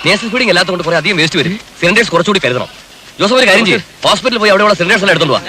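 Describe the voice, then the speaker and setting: An actor playing a doctor at a rescue, brisk and giving orders in a film drama. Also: male voice, high-pitched, animated, a crowd in the background, rough recording. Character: calm, instructive male rescue doctor.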